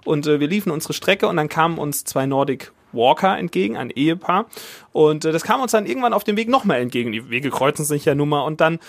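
A man's voice: a little high, quick pace, no room sound. A man telling a story in casual banter, ranting and indignant.

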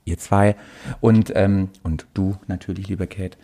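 A man's voice: low voice, fairly even intonation, measured pace, mellow. A young man from northern Germany co-hosting a podcast, joking in a playful, mock-formal way. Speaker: podcast co-host. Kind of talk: casual chat.

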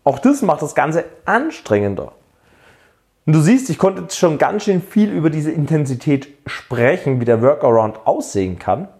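A man's voice: a little high, very animated, moderate pace, darkish tone. A man giving fitness coaching straight to the viewer, explaining home workouts and asking direct questions to push motivation. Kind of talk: direct-to-camera fitness advice.

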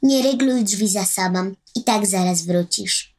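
A woman reading a storybook voices a sorrowful young captive girl who pleads in a high, plaintive voice. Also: measured pace, darkish tone, lightly acted. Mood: pleading. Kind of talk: storybook narration.

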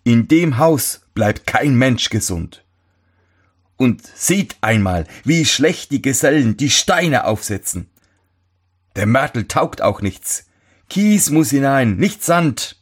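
A man's voice: medium pitch, sing-song, slow, slightly rough, voice pushed up, exaggerated voice. A man reading a fairy tale and voicing a fussy, irritable old master shoemaker who scolds everyone around him. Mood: scolding, indignant. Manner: scolding, shouting complaints.

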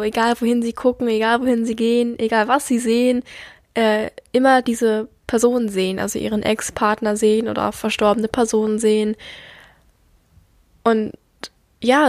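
A young woman hosts a podcast, her fairly high voice recorded dry and at studio quality. She speaks casually and personally in an earnest, reflective, somewhat subdued way, confiding in a personal monologue.

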